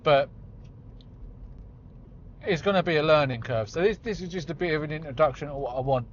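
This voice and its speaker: A man's voice: fairly high pitch, a little fast. Casual vlogger, man in his forties, chatty and self-deprecating, recorded in a car with dull sound. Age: 40s. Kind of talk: casual chat while driving. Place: inside a car on the road. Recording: slightly dull audio with faint road noise.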